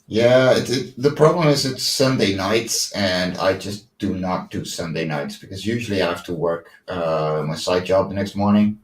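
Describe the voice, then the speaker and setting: A man hosting a casual live drawing stream, easygoing and friendly as he greets viewers and keeps the talk calm. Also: deep voice, moderate pace, few pauses. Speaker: host. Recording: roomy webcam mic, faint noise.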